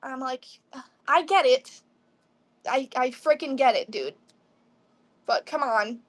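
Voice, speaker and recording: A woman's voice: high-pitched, slow pace. A woman in her twenties from the Midwest, chatting casually on a live selling stream and answering viewers' comments. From Midwest USA. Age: 20s. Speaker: live online seller. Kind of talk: casual livestream chat.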